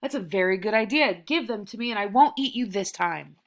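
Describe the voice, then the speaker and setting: A woman's voice: mid-range voice, lively intonation, a little fast, close to an everyday voice. Brief: boastful storybook tiger, male, greedy; read by a woman. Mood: demanding.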